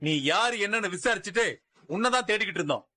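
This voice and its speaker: Bossy cop, sharp and forceful, higher-pitched. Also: male voice, animated, fast, heavily acted. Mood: commanding. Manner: gruff, commanding, taunting. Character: brusque police officer making an arrest. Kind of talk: TV serial acting.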